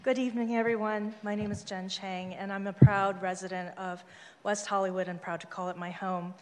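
A woman's voice: mid-range voice, level tone, brisk, a little mellow. A woman giving a short prepared acceptance speech at a public meeting. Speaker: incoming city poet laureate. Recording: reverberant council chamber.

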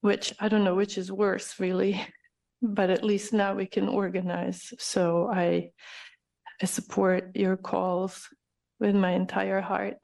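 A woman from Croatia, a mother, giving a halting, emotional public comment at a meeting. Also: mid-range voice, little pitch movement, creaky, a little mellow. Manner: halting and emotional, with many restarts.

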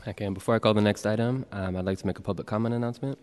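A man working as a meeting clerk, reading roll calls and announcements in a steady, businesslike way. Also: fairly low pitch, racing. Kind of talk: formal public meeting proceedings. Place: large legislative chamber. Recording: long reverb of a large chamber.

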